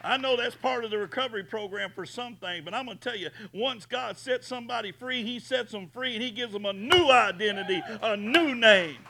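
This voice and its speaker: A man preaching a booming motivational sermon as a pastor, emphatic, folksy and repetitive in his exhortation. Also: fairly quick, creaky, hardly any pauses, slight background noise. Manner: emphatic, repetitive exhortation, swinging from hushed to shouted.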